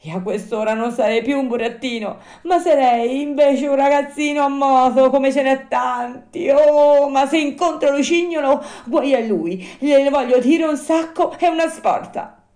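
Storybook: a woman playing a high, wailing wooden puppet boy, tearful and pleading, much higher than her own voice. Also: a little slow, warm tone, echoey room.

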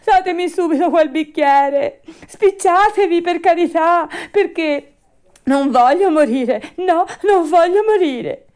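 A woman voicing a stubborn, whiny wooden puppet boy, shrill and wailing. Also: very animated, a little slow, darkish tone, clean tone. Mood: panicked.

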